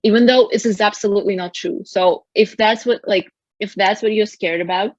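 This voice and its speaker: A woman's voice: mid-range voice, fairly quick, darkish tone, dry recording. Woman co-host, casual and encouraging, dry close sound, slightly dull audio. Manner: earnest, encouraging, many fillers. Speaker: podcast co-host. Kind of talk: casual podcast chat.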